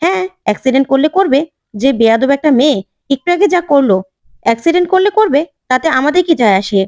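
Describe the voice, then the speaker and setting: A woman voicing a sharp-tongued, scornful woman who gossips about a rude girl. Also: high voice, lively intonation, quick pace, no room sound, studio quality.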